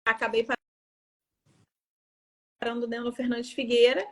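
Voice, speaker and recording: A woman's voice: on the high side, little pitch movement, a little slow. A Brazilian Portuguese woman, a nutritionist, speaking on a video call whose audio keeps glitching and cutting out. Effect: glitchy, dropping video-call audio. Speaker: nutritionist guest.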